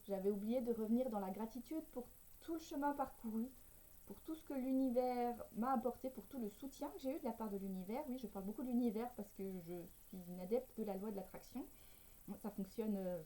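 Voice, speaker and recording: A woman's voice: a little high, a little fast, mellow. A French woman talking through a casual personal vlog, hesitant and stumbling over her words, on poor sound. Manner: hesitant, stumbling, laughs now and then. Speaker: personal development coach and writer.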